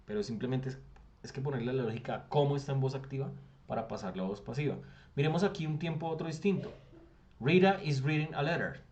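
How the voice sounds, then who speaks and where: A Colombian Spanish-accented man teaching a virtual class, with a mid-range voice. He explains patiently, checks in often with his students and slows down to read English examples aloud. The sound is slightly dull, like a computer mic on a video call. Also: mid-range voice, warm tone. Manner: reads English text aloud slowly.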